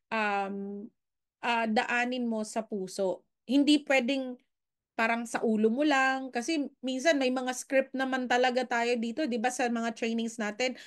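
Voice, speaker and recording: A woman from the Philippines giving a casual sales coaching talk that mixes Filipino and English, often checking in with her listeners through quick tag questions. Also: a little high.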